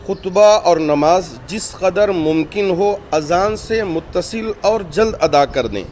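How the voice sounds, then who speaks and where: A man, a mosque imam, reading out a formal statement point by point in measured religious diction, outdoors by a street. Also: on the high side, a little mellow, slight background noise.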